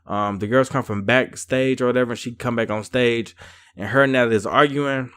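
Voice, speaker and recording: A young man chats through a reality show review in loose, slangy talk full of "like" and "um." His voice sits at an ordinary middle pitch. He slips into low mumbles for his side remarks. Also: fairly even intonation, a little fast, a bit bright, clear, resonant tone. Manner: chatty, slangy, lots of "like" and "um". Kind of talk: casual commentary.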